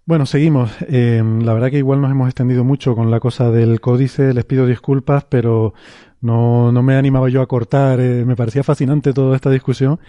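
A man's voice: medium pitch, level tone, fairly quick, dry recording, dull audio. A man hosting a science talk podcast, easygoing and wry, moving the panel along. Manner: easygoing, brief acknowledgments, wry asides. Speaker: podcast host. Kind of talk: casual chat.

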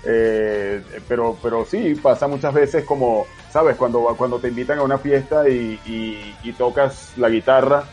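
A man's voice: mid-range voice, a little slow, hardly any pauses, a little mellow, dull audio. Easygoing Venezuelan man, faint music behind. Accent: Venezuelan Spanish. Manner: repeats phrases, easygoing storyteller. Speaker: guest voice actor. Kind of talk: relaxed conversational interview.

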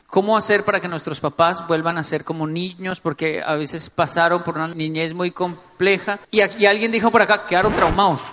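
High-voiced joking man in a hall. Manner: playful, joking, animated storytelling. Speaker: speaker addressing an audience. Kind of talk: humorous talk to a live audience.

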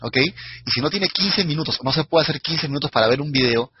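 A man's voice: fairly high pitch, a little fast. A man co-teaching a live sales course, giving direct, matter-of-fact advice. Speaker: course instructor. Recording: muffled audio with faint noise.

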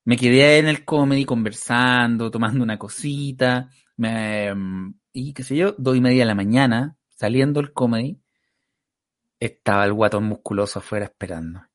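A man with a Chilean accent, a stand-up comedian telling stories in a casual chat and acting out the quoted people. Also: moderate pace. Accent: Chilean Spanish. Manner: acts out quotes in a high excited voice. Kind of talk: casual chat, animated storytelling.

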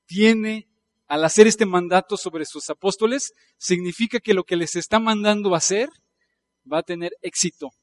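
A male pastor, preaching in a conversational style with emphatic bursts. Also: high voice. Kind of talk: sermon.

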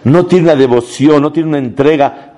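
A man teaching a Torah class to a live audience as a rabbi. He talks emphatically, sweeps up in pitch to stress his points, and mixes Hebrew terms into his speech. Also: moderate pace, dark tone.

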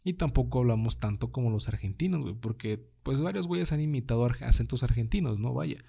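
A man's voice: medium pitch, animated, quick pace, gravelly, dark tone, breathy edge. A young man with a Mexican accent, hosting a casual solo podcast and talking in slangy, swear-heavy speech. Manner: slangy, swears freely, says "güey" constantly. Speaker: podcast host.

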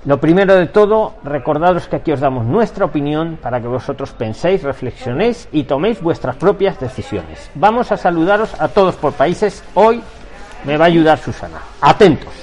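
A man hosting his channel, with slow, deliberate greetings and a teasing manner. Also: a little high, lively intonation, darkish tone. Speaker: channel host. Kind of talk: casual live chat.

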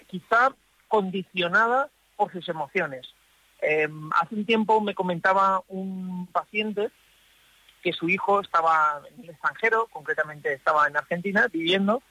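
A man speaking as a psychologist guest on a radio show from a parked car, thoughtful, with pauses and restarts. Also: high voice, sharp tone, no echo, rough recording. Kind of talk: explanatory radio talk.

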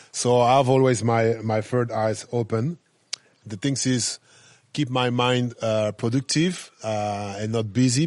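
A man's voice: on the low side, a little mellow, no echo. A middle-aged man with a French accent, a hotel owner talking casually in broken English full of fillers. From France. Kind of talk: casual interview talk.

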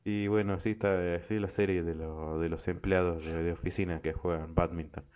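A man hosting a show, retelling anime episodes in an animated, profane, casual way. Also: low-pitched, brisk. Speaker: radio show host. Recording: tinny phone-like line.

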